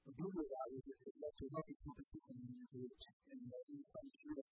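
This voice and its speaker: A man's voice: extremely high pitch, huge pitch swings, fast talker, vocal fry, mellow, soft background music. A man in his forties giving a rambling, appreciative public comment at a meeting. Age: 40s. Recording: dull lo-fi meeting recording.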